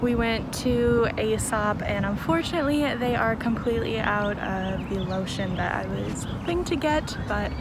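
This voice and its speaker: A woman's voice: on the high side, moderate pace, few pauses. A young woman in her twenties chatting casually to a phone at arm's length while walking outdoors in the city. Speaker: vlogger. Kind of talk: casual vlog narration. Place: city street and waterfront park outdoors. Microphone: phone held at arm's length. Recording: outdoor street noise from traffic. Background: city traffic.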